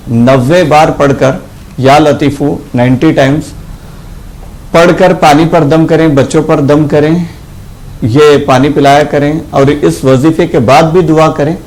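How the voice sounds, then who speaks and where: A man of middle pitch gives religious advice in an unhurried, instructive manner. He slows right down when he recites Arabic phrases, carefully spelling out how often to say them. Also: steady tone, darkish tone, low-quality recording. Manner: measured, instructive, recites Arabic invocations slowly. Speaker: mufti giving religious advice. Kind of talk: religious counsel on air.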